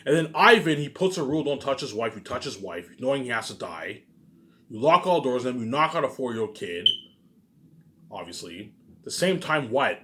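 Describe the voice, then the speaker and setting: This male vlogger has a medium-pitched, fairly bright voice and sounds very animated at a moderate pace. Speaking directly to viewers, he rambles on emphatically and repetitively, swearing, accusing, and tossing in muttered tag words.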